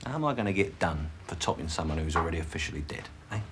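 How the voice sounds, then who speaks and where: Deep, fast-talking London villain. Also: male voice, animated, a little hiss or hum. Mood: menacing. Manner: threatening, slangy. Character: menacing male London criminal, coldly bullying.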